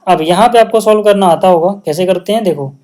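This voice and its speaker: This man talks fast in a high, faintly mellow voice with a Hindi accent. At a whiteboard he takes students through maths one step at a time, blending English mathematical vocabulary into Hindi and patiently pausing for frequent check-in questions.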